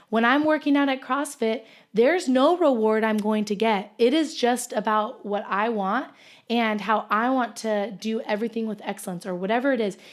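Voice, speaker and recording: A young woman in her twenties hosts a solo podcast, speaking in a slightly high voice. She tells her story in a loose, chatty way, full of ums and likes. It sounds like someone recording at home for listeners who also watch on video. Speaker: podcast host.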